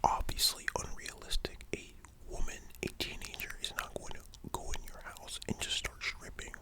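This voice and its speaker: A voice in a soft library whisper, giving an explanatory lesson as an ASMR whispered role-play. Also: normal speed. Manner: explanatory, checking the listener understands. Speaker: ASMR content creator.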